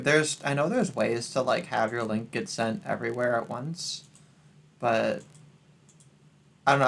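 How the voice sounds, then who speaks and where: Gravelly rambling male streamer. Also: mid-range voice, fairly bright tone. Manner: rambling, chatty, laughs at himself. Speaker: streamer host. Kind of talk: casual stream chat.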